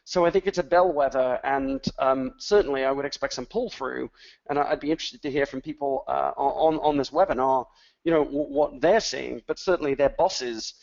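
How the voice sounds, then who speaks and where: A man at a middling pitch speaks as an industry analyst on a webinar. He rambles, filling gaps with um and uh and restarting his sentences. The audio is slightly dull and lo-fi. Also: vocal fry, darkish tone. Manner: rambling, many fillers and restarts. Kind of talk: webinar talk.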